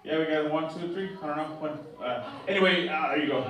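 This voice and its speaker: A young stand-up with a Mexican accent speaks fast, his voice a little high and somewhat bright. Loose and chatty on a theatre stage, he keeps restarting and laughing at his jokes, recorded by a distant mic in an echoey, noisy hall.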